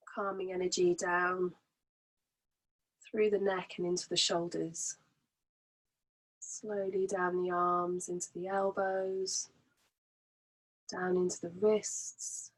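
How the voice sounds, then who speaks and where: On a low-quality recording, a woman guides listeners through meditation very slowly, her medium-pitched voice breathy and soft at the edges, delivering every instruction with a relaxation teacher's gentle, soothing touch.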